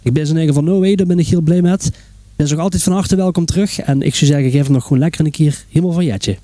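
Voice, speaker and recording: A man's voice: fairly high pitch, fast talker, dark tone. A man hosting a casual radio interview, chatty and encouraging. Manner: chatty, encouraging, many fillers. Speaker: radio host.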